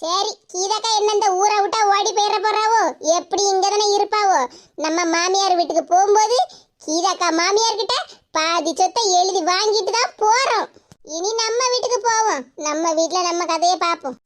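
Woman doing a squeaky scheming village girl. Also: normal speed. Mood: pleading. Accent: Tirunelveli Tamil. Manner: wheedling, pleading. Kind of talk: animated cartoon dialogue. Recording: noisy cartoon audio track.

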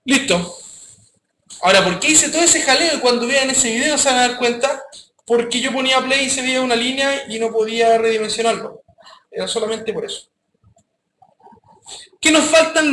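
A man teaching a coding class, his voice high and bright. He speaks casually and keeps checking that the students follow. The sound is echoey, with faint background noise. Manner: casual, addresses students directly with frequent checks. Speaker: programming teacher. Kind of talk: live classroom coding lesson.

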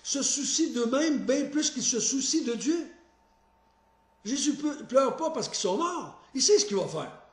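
A man preaches in a high, bright voice. He reads scripture at a measured pace and climbs in pitch when he stresses a point, earnest throughout. The sound carries an echo from the church hall. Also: very animated. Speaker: pastor. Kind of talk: sermon with Bible reading.

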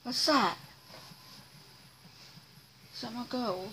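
A woman's voice: fairly high pitch, extremely slow, pushed and bright, a little hiss or hum, poor audio. A woman giving casual commentary while playing a video game, talking to herself in an exasperated way. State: hiccuping. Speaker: gamer playing on a channel.

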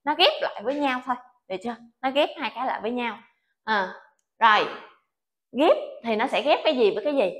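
A patient woman teacher walks students through an alphabet lesson, coaxing them and checking in after every few sounds. Her voice sits a little high, and the room around her rings with echo. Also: lively intonation, quick pace, fairly bright tone. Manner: patient, coaxing, checks in with "được chưa?" often. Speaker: Japanese language teacher. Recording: echoey room.

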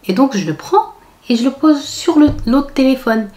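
A woman's voice: sits high, moderate pace. A woman vlogger telling a story in a casual storytime style, acting out the people she quotes and dropping to whispers for asides. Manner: animated, acts out quoted voices, drops to whispered asides.

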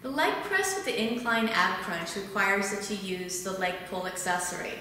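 A woman in her thirties, a fitness instructor, calmly cueing breathing and form while demonstrating exercises in a large tiled living room. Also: mid-range voice, moderate pace, slight background noise. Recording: echoey room from far off.

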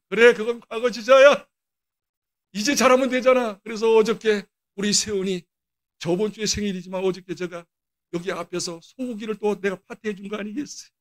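Older male pastor, higher-pitched voice, storytelling sermon with dramatic bursts. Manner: storytelling, acts out quoted dialogue with sudden loud bursts. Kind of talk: sermon with personal stories.

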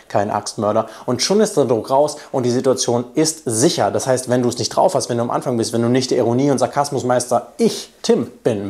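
A man's voice: medium pitch, a little mellow. A young man as a dating coach talking straight to the camera in a casual way, acting out quoted lines in changed voices. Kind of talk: direct-to-camera coaching talk.

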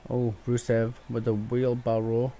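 Male gamer, mellow dark tone, mock wrestling commentary, profane and rambling. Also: mid-range voice, monotone, a little slow, a little hiss or hum. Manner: swears freely, rambling with fillers. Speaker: gaming YouTuber. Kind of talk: mock play-by-play game commentary.

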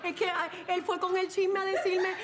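A shrill melodramatic girlfriend. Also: little pitch movement, normal speed. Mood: dramatic apology. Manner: theatrical, melodramatic, wheedling. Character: dramatic spoiled young girlfriend, demanding money. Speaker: comic actress. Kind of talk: sketch comedy acting. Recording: audience laughter behind.

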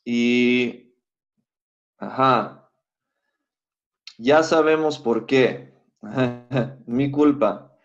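A man teaching a live Hebrew class online, walking students through software on a shared screen and thinking aloud as he goes. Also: mid-range voice. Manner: unhurried, thinks aloud with fillers. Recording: slightly dull lo-fi audio.

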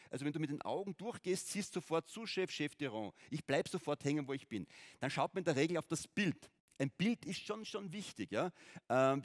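A middle-aged man giving an informal keynote talk to a conference audience, often checking in with them. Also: on the high side. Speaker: conference speaker. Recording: reverberant conference hall.

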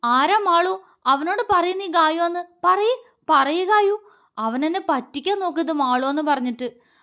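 A woman's voice: very high-pitched, animated, measured pace, fairly bright tone, voice pushed up, exaggerated voice. A woman voicing a childlike, easily hurt young man in a storybook, speaking in a pleading way.

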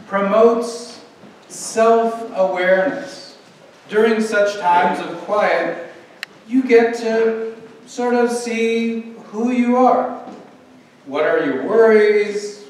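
A middle-aged man, a priest, preaching a calm, reflective sermon with pauses from a pulpit in a large church. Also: high voice, a little hiss or hum. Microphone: pulpit microphone, far camera. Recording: very echoey church from far off.

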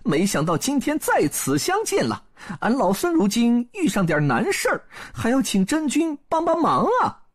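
Storybook monkey hero: high and sharp, husky, hugely animated, cheeky and quick-witted. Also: male voice, heavily acted. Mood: courteous. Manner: excitable, swooping delivery. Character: Monkey King, brash, clever, sociable monkey hero.

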